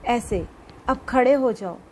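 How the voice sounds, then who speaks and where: A woman voicing a gentle, sensible schoolboy. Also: a little high, takes it slowly, slight background noise. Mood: kind. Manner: gentle, caring. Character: kind, sensible young schoolboy.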